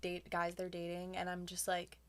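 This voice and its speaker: A young woman in casual podcast chat with her co-host, telling stories in an animated way and laughing often. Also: on the low side, moderate pace.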